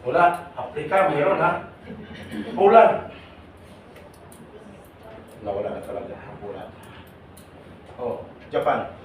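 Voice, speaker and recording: A man leading a seminar for overseas workers, teasing and questioning the audience in a lively way. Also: a little high, takes it slowly, pauses often, a crowd in the background. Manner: teasing, jokey, calls on audience members. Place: large hall with audience. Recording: echoey hall, voice from far off, noisy.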